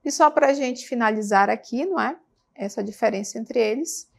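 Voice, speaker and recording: A woman with a Brazilian accent teaching a televised English lesson, patiently repeating words slowly for students. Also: on the high side, gravelly. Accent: Brazilian Portuguese. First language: Portuguese.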